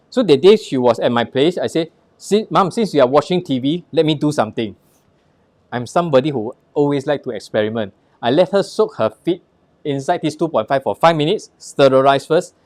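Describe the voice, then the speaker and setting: A man with a Singaporean accent runs a live product demonstration, instructing the audience with short, punchy phrases and rhetorical questions and slipping in personal anecdotes. His voice is mid-range and a little mellow, with no echo.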